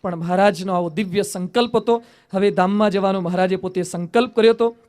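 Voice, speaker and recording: High-voiced monk telling a sermon story. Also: male voice, a little fast, a little mellow. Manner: rhetorical questions and wry humorous asides.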